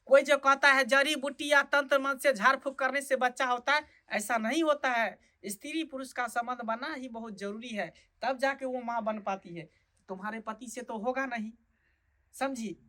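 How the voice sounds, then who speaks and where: Sketch: chuckling lecherous fake godman with a lilt, voiced by a woman, bright tone, higher than usual. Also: moderate pace. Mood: coaxing. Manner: sly, wheedling, chuckles often. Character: sleazy lecherous fake holy man, male, middle-aged. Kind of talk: comic sketch acting.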